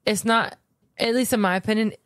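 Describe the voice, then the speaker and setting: A woman's voice: a little high, brisk, dry recording. A woman in her thirties co-hosting a casual podcast chat, telling stories bluntly and with energy. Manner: animated, blunt storytelling, frank. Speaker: podcast co-host.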